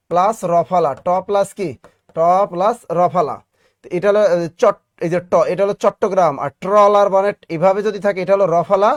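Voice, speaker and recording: A man's voice: sits high, no room sound, studio quality. A man with a Bangladeshi Bengali accent teaching a live online exam-prep class, firing repeated questions at students and answering them himself, with scolding, preachy asides.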